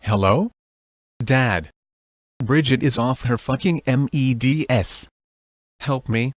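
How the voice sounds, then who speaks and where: A man's voice: medium pitch, extremely slow, no echo. Man playing a whiny panicked young guy, pleading, dry close sound.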